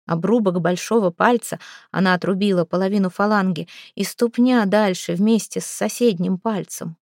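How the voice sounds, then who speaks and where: A woman reading a novel aloud as narrator, with even storytelling. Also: medium pitch, moderate pace, dry recording, clean studio sound. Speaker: audiobook narrator. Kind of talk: scripted narration.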